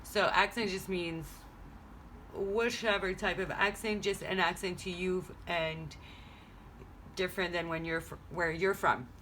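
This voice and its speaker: In a room at home, a native French-speaking tarot reader chats loosely through a card-reading vlog, musing out loud. She speaks in a lowish, steady tone, a touch slowly and somewhat brightly, over a faint hiss or hum.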